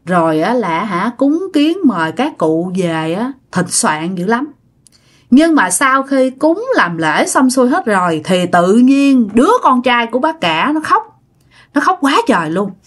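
A woman with a fairly high, slightly bright voice casually narrates a ghost story. She's chatty and talks directly to her listeners.

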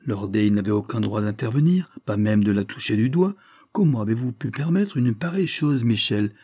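A man voicing an indignant, demanding foreign gentleman, speaking insistently in a raised voice. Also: fairly low pitch, animated, moderate pace, dry recording, clean studio sound. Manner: insistent, exclamatory.

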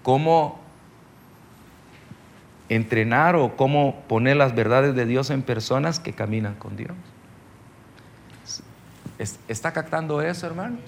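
Man, middle-aged pastor, gravelly voice, folksy sermon teaching, keeps asking the room if they follow, faint noise behind. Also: mid-range voice. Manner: folksy, anecdotal, keeps checking in with listeners. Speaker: pastor teaching a ministry seminar.

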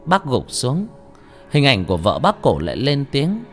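A man narrating a fantasy story in an expressive, dramatic way. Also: mid-range voice, a little slow. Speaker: audiobook narrator. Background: faint music.

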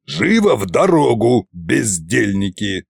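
Man doing gruff old tsar Koschei. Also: fairly low pitch, sing-song, no room sound, studio quality, full character voice. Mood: commanding. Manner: barking curt orders, slow and deliberate.

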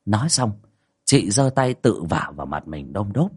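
A man's voice: moderate pace, breathy edge. A man narrating a spoken ghost story in a dramatic way. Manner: dramatic, lively pitch.

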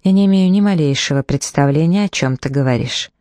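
A woman voicing a guarded, controlling adult sister in an audiobook, speaking calmly with a quiet, cutting condescension. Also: sits low, a little fast, no room sound, natural voice. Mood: evasive. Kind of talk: audiobook character reading.

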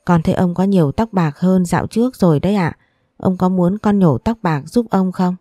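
A woman voicing a gentle, affectionate little boy in a storybook reading. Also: lowish voice, normal speed, no room sound, studio quality, lightly acted. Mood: sweet, curious.

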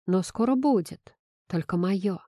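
A woman reading the part of a brooding, possessive young man who talks in a low, purring, menacing way. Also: measured pace, dark tone, dry recording, studio quality, close to an everyday voice. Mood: commanding.

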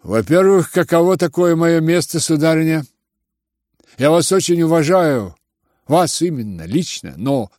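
A man's voice: a little high, lively intonation, a little slow, a little mellow, no room sound, studio quality, voice pushed up. A man reading an audiobook and voicing a sickly young man who needles others in a mocking tone.

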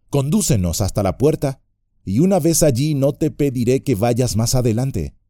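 Frodo, a man voicing a gentle hobbit. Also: mid-range voice, no echo, clean studio sound, pitched above the performer's own voice. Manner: gentle and encouraging. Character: weary, kind young hobbit leading a journey.

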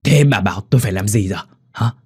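A man's voice: low voice, normal speed, husky. A man voicing a greedy, cruel middle-aged son who hisses and snarls, in a ghost story. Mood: angry. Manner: snarling, hissing.

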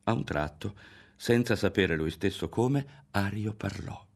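A man reading a literary novel aloud as an audiobook narrator, in a measured and expressive manner. His voice sits very low and carries a gravelly rasp. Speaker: audiobook reader.

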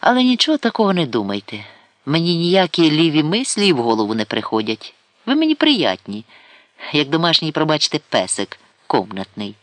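A man's voice: a little high, wildly swooping pitch, moderate pace, dry recording, pitched above the performer's own voice. A man reading an audiobook and voicing a vain, boastful aging woman who talks coyly and mixes Russian words into her Ukrainian. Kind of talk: audiobook character voice.

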